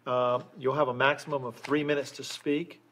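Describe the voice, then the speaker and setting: A man's voice: mid-range voice, level tone, normal speed, a bit bright, slight background noise. An older man chairing a public board meeting from the dais, courteous and procedural, with frequent fillers. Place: council chamber dais. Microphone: desk microphone.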